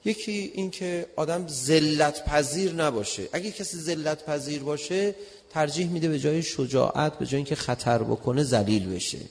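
A man preaching a sermon, telling a personal story in a lively way and acting out heated arguments. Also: a little high. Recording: long hall reverb.

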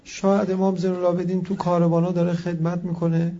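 A male preacher delivering a religious sermon in an impassioned way, full of rhetorical questions and swinging from hushed to loud. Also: high-pitched, little pitch movement, muffled recording.

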